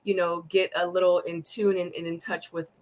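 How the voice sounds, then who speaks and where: A woman's voice: on the low side, flat delivery, normal speed. A woman hosting her online talk show, upbeat and chatty, often saying "you know what I mean". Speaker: host.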